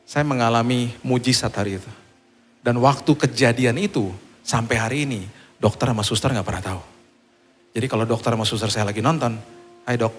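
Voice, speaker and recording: A man preaching a sermon, telling a personal testimony in an animated way and acting out the dialogue. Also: fairly quick, pauses often, soft background music. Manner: animated storytelling, acting out dialogue with big pitch jumps. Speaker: pastor.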